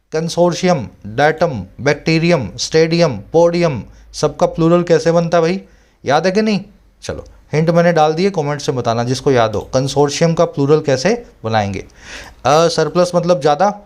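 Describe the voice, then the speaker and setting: A man working as an English tutor, explaining vocabulary and grammar to exam students in Hindi mixed with English terms. He reads English text out slowly and keeps checking whether the students follow him. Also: a little high, a little mellow. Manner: asks frequent rhetorical check-ins.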